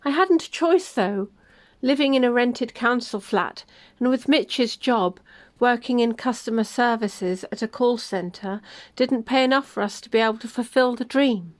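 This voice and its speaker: Woman gently reading her story. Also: a little high, moderate pace. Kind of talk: first-person story reading.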